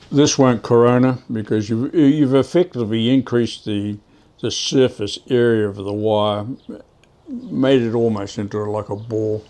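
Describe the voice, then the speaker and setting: A man offers practical DIY tips in a casual, unscripted demonstration, frequently stopping mid-phrase to hunt for words. His voice is on the low side with a darkish tone.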